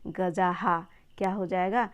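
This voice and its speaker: A woman teaching a Sanskrit textbook lesson to children, patient and encouraging, slowly repeating words to model pronunciation. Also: on the low side, steady tone.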